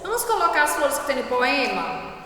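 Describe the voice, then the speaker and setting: A woman's voice: high voice, very animated, normal speed, bright, forceful tone. A woman teacher giving a classroom lesson, patiently asking the class many questions. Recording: very echoey room with long reverb.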